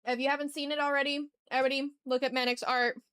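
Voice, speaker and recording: A woman hosting an art livestream chats slangily and informally with viewers through a sensitive ASMR microphone. Her voice sits high, a bit bright, and level in tone, and she talks fast. The sound is clean studio audio with no echo.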